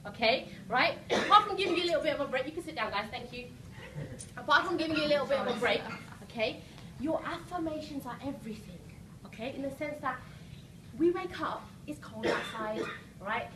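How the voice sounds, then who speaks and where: Expressive and a little fast, a high-voiced female coach fires up a live seminar audience with a rousing motivational speech, frequently pausing for short questions. Heard through a distant microphone, the room sounds echoey and noisy.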